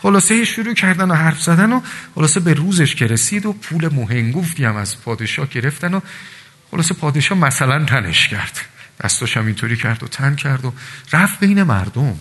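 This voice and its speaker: Husky, higher-voiced male preacher in a hall. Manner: animated, lively storytelling with voiced asides. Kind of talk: religious sermon with storytelling. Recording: long reverb of a large hall.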